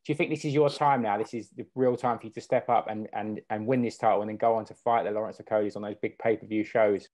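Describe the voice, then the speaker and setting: A man's voice: on the low side, steady tone, fast talker, hardly any pauses, darkish tone. A man conducting a casual sports interview, chatty and given to long, rambling questions.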